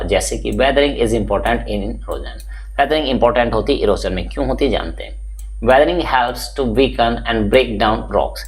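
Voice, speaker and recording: A man teaching a textbook chapter at a medium pitch. He reads each English line slowly and carefully, then switches to quick, conversational Hindi to explain it, often checking whether the listener is following. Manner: chatty teaching with frequent "bhai" and check-ins.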